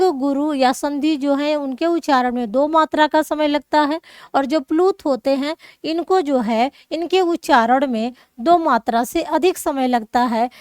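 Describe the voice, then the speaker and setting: A woman's voice: high voice, dry recording, studio quality. A woman teacher explaining grammar rules step by step, checking in often with her students. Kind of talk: classroom lesson.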